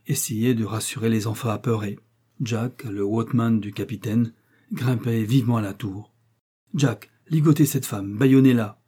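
Male audiobook reader, mellow husky tone, steady novel narration. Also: mid-range voice. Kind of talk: scripted narration of a wartime novel.

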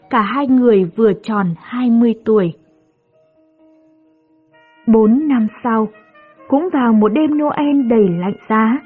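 A woman narrating a story in a gentle, measured storytelling voice. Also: fairly high pitch, slightly rough. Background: soft music.

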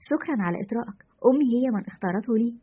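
A woman's voice: a little high, lively intonation, rapid-fire, slightly rough. A woman voicing a woman caller who recounts a childhood memory in a descriptive way. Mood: recollecting. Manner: recollecting, descriptive. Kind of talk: storytelling narration. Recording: lo-fi dull audio.

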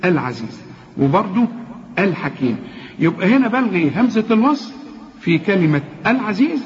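A man's voice: high voice, lively intonation. Egyptian man teaching Quran recitation, reverberant. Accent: Egyptian Arabic. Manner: explains patiently, repeats words slowly to demonstrate. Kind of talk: tajweed lesson with recited examples. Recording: reverberant, slightly dull recording.

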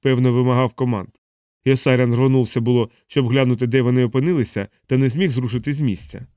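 A man narrating a novel aloud in an even, measured reading voice. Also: mid-range voice, clear, resonant tone, no echo, studio quality. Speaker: audiobook narrator. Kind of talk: scripted narration.

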